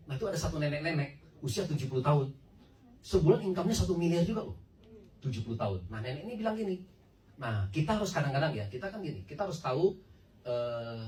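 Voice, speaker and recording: A man recruiting for a multi-level marketing business, telling stories with acted quotes and frequent laughs. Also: on the high side. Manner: lively storytelling, acts out quotes, laughs often. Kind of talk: sales pitch to an audience. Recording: echoey room from far off, crowd behind.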